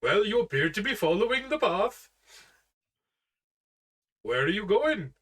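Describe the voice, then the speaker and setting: A man voicing a huge, furry, friendly male yeti in a tabletop game, speaking slowly in a put-on accent. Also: sits high, very animated, pushed and bright, voice pushed up, exaggerated voice. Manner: slow, put-on accent he calls bad.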